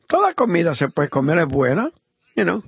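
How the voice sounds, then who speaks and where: A man preaching a fervent sermon, swinging between loud high exhortation and low murmured praise, acting out the voices of the people in his story. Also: huge pitch swings, normal speed, vocal fry, breathy edge, no echo. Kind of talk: impassioned sermon.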